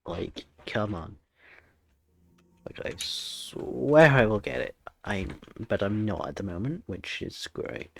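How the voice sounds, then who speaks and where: A man's voice: fairly low pitch, expressive, takes it slowly, vocal fry. A man streaming a game, muttering to himself in frustration as he plays. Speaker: gaming streamer. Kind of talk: casual live-stream commentary while playing.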